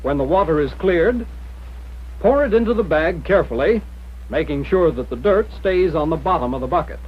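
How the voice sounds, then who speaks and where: An American man with a somewhat high voice and lively intonation narrates a scripted 1940s military training film at normal speed. His tone is plain-spoken, direct and instructive, and the recording has the muffled, dull quality of an old film soundtrack.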